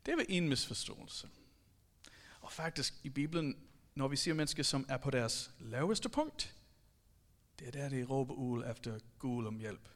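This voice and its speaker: A man's voice: medium pitch, animated. A man preaching a sermon, telling stories animatedly and addressing the audience directly. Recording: long hall reverb.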